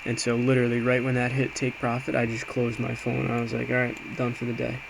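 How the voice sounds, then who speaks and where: With a mid-range voice and a slightly fast pace, a man recaps his trades as an amateur day trader, informal, hesitant, and reflecting on himself while he walks through a screen. Steady background noise runs under an otherwise clear recording.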